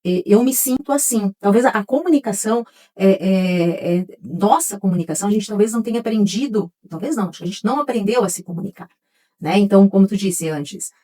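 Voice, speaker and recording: A woman co-hosts a casual podcast chat. Her voice sits at a middle pitch, and she talks in a reflective way, thinking aloud as she goes. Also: expressive, fast talker, warm tone. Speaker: podcast co-host.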